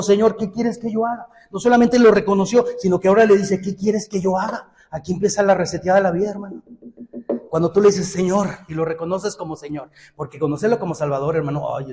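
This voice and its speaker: A man preaching a sermon as pastor, with a Mexican Spanish accent, joking and lively, moving between loud exhortation and low asides. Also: a little fast, long reverb tail. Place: church hall.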